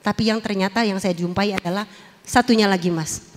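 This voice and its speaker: A woman giving an animated, emotional church testimony to a congregation. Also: mid-range voice, a little fast. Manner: animated, emotional storytelling addressing the audience. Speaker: testimony speaker. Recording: long reverb of a large hall.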